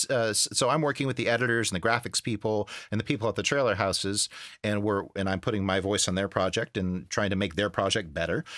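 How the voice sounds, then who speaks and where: A man talking casually in an interview about his work, earnest and a bit halting, repeating words for emphasis. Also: fairly low pitch, fairly bright tone, no echo, studio quality. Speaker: voice-over artist, interview guest. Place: home studio.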